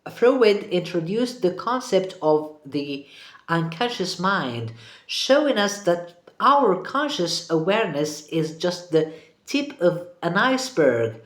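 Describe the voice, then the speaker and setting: A woman's voice: low-pitched, roomy sound. A woman hosting a video essay, telling it in a wry, conversational storytelling way as scripted narration.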